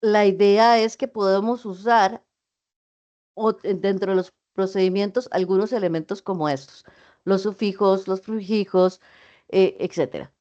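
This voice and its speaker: A woman's voice: medium pitch, unhurried, dark tone. Woman teaching on a dull call. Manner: patient, explains with spoken examples. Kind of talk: online class lecture.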